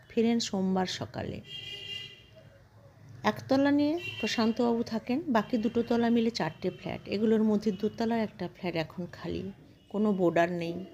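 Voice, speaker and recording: Mellow woman narrating a story. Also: mid-range voice, muffled recording, slight background noise. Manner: steady, measured storytelling. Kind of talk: scripted narration.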